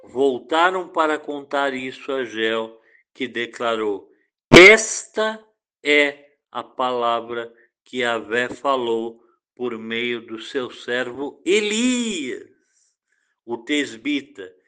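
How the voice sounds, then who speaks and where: A male pastor with a Brazilian Portuguese accent leads a devotional Bible reading. He speaks very slowly and deliberately, pausing often between phrases. His voice sits at an ordinary middle pitch for a man. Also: fairly bright tone. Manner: slow, deliberate, reads scripture aloud with pauses.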